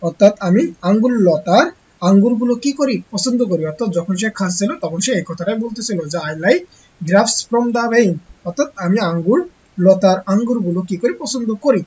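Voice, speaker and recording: A teacher gives an online textbook lesson to young pupils. The teacher asks rhetorical questions and answers them, slowly repeating key words. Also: mid-range voice, lively intonation, darkish tone, lo-fi sound, a little hiss or hum.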